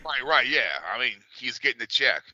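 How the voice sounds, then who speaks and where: A man's voice: medium pitch, brisk, pushed and bright, no room sound, dull audio. A man co-hosting a podcast, chatting casually and swearing. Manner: profane. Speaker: podcast co-host. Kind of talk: casual chat.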